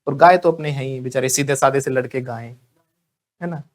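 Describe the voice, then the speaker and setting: A man teaching spoken English to a live class with an Indian English accent, lively and joking, quizzing students by name. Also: medium pitch, fairly quick.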